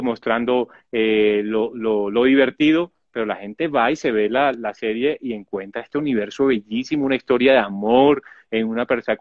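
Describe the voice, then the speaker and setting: A man, an actor being interviewed, telling stories about his work in an animated, chatty way with many restarts. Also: medium pitch, no echo. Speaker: actor guest. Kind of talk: casual interview storytelling. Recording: dull lo-fi dry audio.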